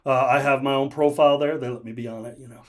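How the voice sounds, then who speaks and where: A man's voice: medium pitch, fast talker. A man, a guest on a podcast, chatting casually and telling stories with lots of laughter and restarts. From United States. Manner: animated storyteller, laughs often, many restarts.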